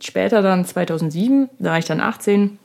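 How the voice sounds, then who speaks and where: A woman's voice: medium pitch, brisk, creaky, a little mellow. A woman in her thirties hosting her own podcast, talking alone in a chatty, self-ironic way with many filler sounds. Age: 30s. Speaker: podcast host. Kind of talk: casual solo podcast monologue. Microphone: studio microphone.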